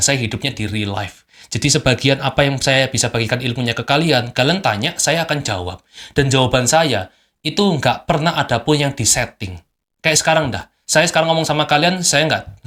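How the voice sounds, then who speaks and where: A young business owner talks straight to camera in an unscripted motivational monologue recorded at home at night. His voice sits at an ordinary middle pitch, and his delivery is blunt and insistent, with phrases repeated for emphasis. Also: a bit bright. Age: young adult.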